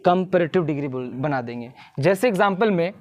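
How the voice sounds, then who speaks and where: A teacher giving a grammar lesson who keeps asking short questions and answering them, repeating key points and slowing down to spell out English phrases. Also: medium pitch, expressive.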